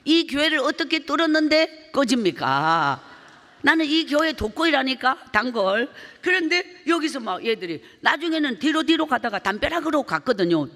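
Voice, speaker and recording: A woman's voice: high voice, very animated, normal speed, fairly bright tone. A woman evangelist giving an emotional testimony sermon, telling her story vividly and acting out the voices in it. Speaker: evangelist preacher. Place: church sanctuary. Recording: long church hall reverb.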